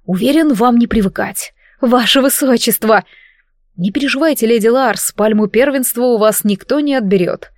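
A woman's voice: fairly high pitch, normal speed, no echo, clean studio sound, lightly acted. A woman voicing a teasing, mocking young crown prince in a read-aloud storybook.

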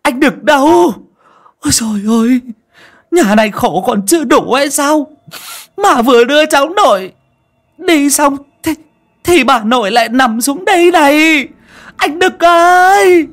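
A man doing a shrill panicky village woman. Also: fairly quick, warm tone, husky. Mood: panicked shrieking. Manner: stammering, shrieking calls for help.

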